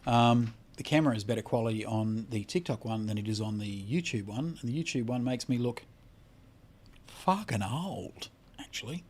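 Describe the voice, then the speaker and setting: A man's voice: mid-range voice, brisk, few pauses, a little mellow. Australian man, livestream host, casual chat Q&A, blunt and sweary, worn out. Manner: blunt and profane, swears freely. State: tired. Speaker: credit repair lawyer and livestream host.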